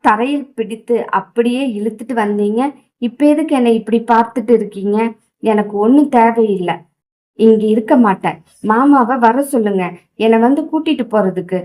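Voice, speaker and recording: A woman's voice: moderate pace, lightly acted. A woman doing a tearful defiant young wife Priya. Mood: tearful pleading. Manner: pleading, higher, louder.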